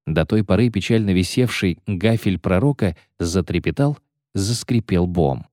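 Low-voiced guy reading a fantasy book, very expressive, dry. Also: moderate pace, no echo. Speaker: audiobook narrator. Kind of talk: scripted fantasy narration.

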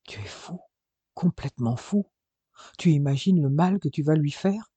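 A man's voice: on the high side, animated, a little slow, mellow, slightly rough, dry recording. A man voicing an anxious, distraught young man pleading with his twin brother, in an audiobook. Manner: agitated, imploring.

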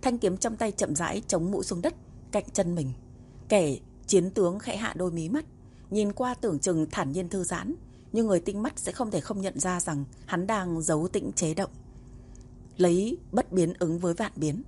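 A woman narrating a martial-arts romance novel in a steady, even reading voice. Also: on the low side, normal speed, a little hiss or hum. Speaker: audiobook narrator. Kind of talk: storybook narration.

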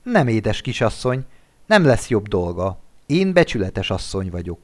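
A proud, self-pitying aging woman in a storybook, voiced by a man who reads the tale, her voice lifted high and plaintive. She sounds weary and injured, then turns stern. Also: sing-song.

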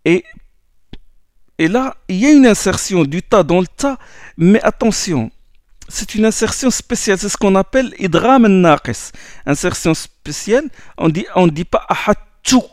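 A man's voice: high-pitched, animated, normal speed, no room sound, clean studio sound. A man teaching Quran recitation rules in a lesson, explaining in French and chanting Arabic verses, often repeating words as he goes.

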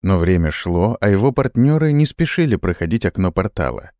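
A man reading a fantasy audiobook aloud with expressive storytelling. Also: sits low, fairly quick, no room sound, clean studio sound. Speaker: audiobook narrator.

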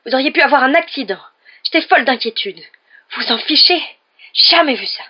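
A woman with a fairly low, brisk voice, close to everyday speech and heard through a muffled recording, voices a short, plump, fierce mother in an audiobook story. The mother fusses over and scolds children in a furious, loud, emphatic, exclaiming way.

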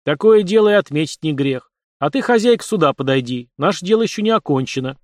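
A confident young nobleman who gives orders calmly and with a dry wit, as a male reader voices him. His voice is a touch high and very lively. It is close and dry. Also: fast, no room sound, close to an everyday voice. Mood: commanding. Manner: assured, matter-of-fact and commanding. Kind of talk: audiobook character voice.

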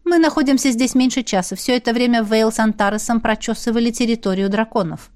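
A woman voicing a calm, caring young demoness who speaks in a matter-of-fact way. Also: on the high side, quick pace, close to an everyday voice.

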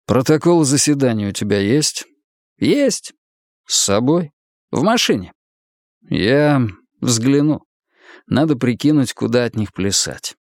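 A man voicing a weary, guarded former detective who speaks in terse, wry, measured lines. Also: mid-range voice, big pitch swings, a little mellow, no room sound, studio quality.

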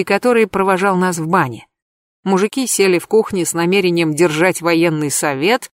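A woman narrating a comic crime novel in the first person, in a lively, ironic storytelling manner. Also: lowish voice, dry recording, studio quality. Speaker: audiobook narrator.

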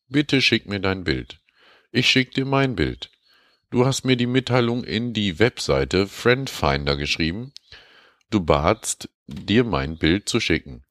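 Man putting on a young woman penpal with stiff, broken phrasing, pitched up from his deep voice, dry close sound. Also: a bit bright, dry recording. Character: young woman writing stilted spam emails.

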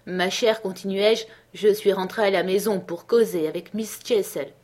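A woman narrating an audiobook in a measured, dramatic reading voice. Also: mid-range voice, steady tone, darkish tone. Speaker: audiobook reader.

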